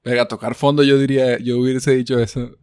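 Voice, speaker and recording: A man telling jokes in an animated casual chat. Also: mid-range voice, clean tone, dry recording. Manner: animated, quick to laugh. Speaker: joke teller.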